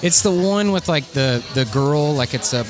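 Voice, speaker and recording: A man's voice: on the high side, expressive, normal speed. A man interviewing a band, enthusiastic and rambling with many fillers. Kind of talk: casual chat. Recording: loud bar with live music and crowd.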